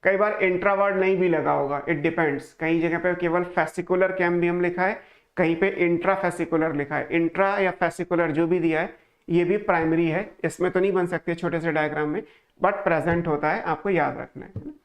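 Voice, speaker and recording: A man's voice: fairly high pitch, steady tone, normal speed, highs cut off. A male teacher giving an online class lecture, explaining step by step, asking questions and answering them himself, mixing English phrases into his speech. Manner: mixes English phrases into Hindi.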